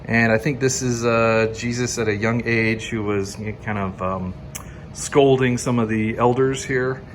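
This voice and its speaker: A man's voice: medium pitch, fairly even intonation, unhurried, slight background noise. Chatty man touring a wax museum. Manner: chatty, quizzes viewers with questions; hesitant, frequent fillers and restarts. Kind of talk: casual walk-through commentary.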